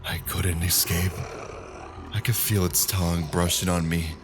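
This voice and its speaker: A man with a very deep voice narrates a horror story slowly and deliberately. His delivery is measured and grim, with a faint hiss behind him. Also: level tone.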